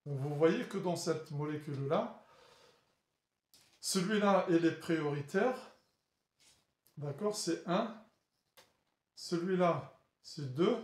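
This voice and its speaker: A male teacher walks a class through a chemistry lesson, his voice sitting a bit high. He talks slowly, searches for words and often restarts, and keeps checking with the room. The sound carries a clear echo from the classroom around him. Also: a little mellow. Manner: halting, with many fillers and restarts, checking in with the class. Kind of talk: classroom lecture at a board. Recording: echoey room.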